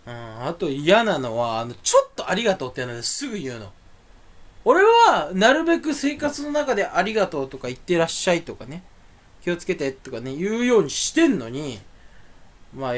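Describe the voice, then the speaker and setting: A young man grumbling through a solo rambling monologue, ranting in complaints that burst out loud, with a voice that sounds angry even when he is not. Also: a little high. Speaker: streamer.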